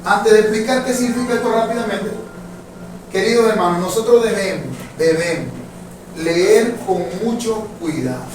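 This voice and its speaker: A man's voice: high voice, moderate pace. Man teaching a church class, echoey hall. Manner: conversational, addresses listeners as brothers, asks for agreement often. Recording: very echoey hall, distant mic, faint noise.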